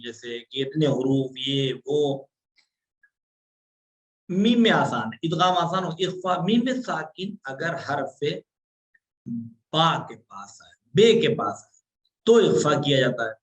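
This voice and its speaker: A man's voice: on the high side, fairly bright tone. A man teaching an online class on Quran recitation, patiently explaining rules step by step and drawing out sounds to demonstrate.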